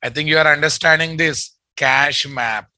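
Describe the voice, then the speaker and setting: A man's voice: on the high side, normal speed, sharp tone, no room sound. A man in his thirties with a Telugu accent, teaching a live online coding lesson, repeating phrases as he dictates and often checking in with listeners. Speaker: programming instructor.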